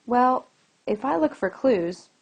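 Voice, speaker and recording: A woman's voice: a little high, expressive, slow, gravelly, slightly rough, highs cut off. A woman teacher giving a recorded lesson to children, explaining patiently and asking the class questions as she goes.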